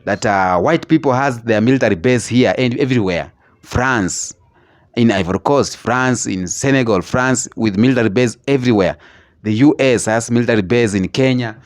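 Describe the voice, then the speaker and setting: A man's voice: mid-range voice, normal speed, dry recording. Man hosting, close dry sound. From Africa. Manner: questioning, repeats himself. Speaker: host. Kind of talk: casual reaction talk show.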